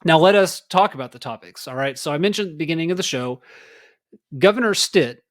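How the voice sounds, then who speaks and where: A man's voice: fairly high pitch, animated, a little fast, no room sound, studio quality. A man from Texas hosting his own podcast, talking casually about politics and daily life in a rambling way with many fillers. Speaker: podcast host. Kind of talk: casual solo political talk.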